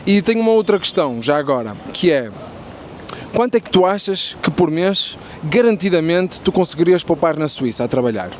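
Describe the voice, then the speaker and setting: Brisk, expressive and a little mellow, this fairly high-pitched male voice comes with a bit of hiss or hum. A young street interviewer and content creator speaking with a European Portuguese accent, he chats in a friendly way with passersby on a busy city street, restarting often and using lots of fillers.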